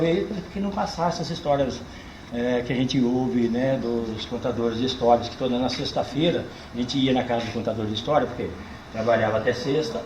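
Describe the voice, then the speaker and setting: An older man with a caipira accent from the São Paulo countryside, a cordel poet chatting casually with a tour group in a folksy, animated way, drawing words out for emphasis. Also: mid-range voice, echoey room, slight background noise, rough recording. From Brazil.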